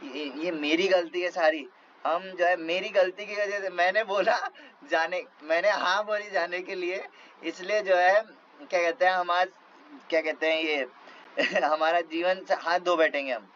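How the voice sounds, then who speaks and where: A man's voice: high-pitched, steady tone, measured pace, a bit bright, dull audio. Man voicing a fretful elderly saint in a retold legend, lamenting, faint hum behind. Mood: scared. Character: old frightened holy man, weary and fretful.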